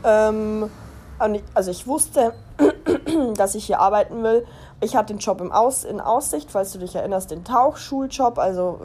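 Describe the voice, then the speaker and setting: This young adult woman from Germany hosts a casual personal podcast, her medium-pitched voice carrying a darkish tone. She chats and giggles through a monologue, rambling and cutting herself off as she goes.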